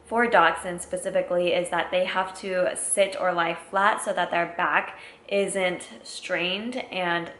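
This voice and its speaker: Woman, twenties, relaxed product-review vlogger; lower register, slight room echo and faint background hiss. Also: measured pace. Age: 20s. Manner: friendly, explanatory, walks through features. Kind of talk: casual product review vlog.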